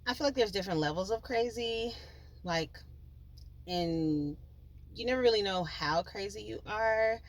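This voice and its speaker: A woman hosting her own podcast, telling a life story in a chatty, slangy, animated way, with sons at home. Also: mid-range voice, a little slow. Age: adult, with children. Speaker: podcast host. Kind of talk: storytelling monologue.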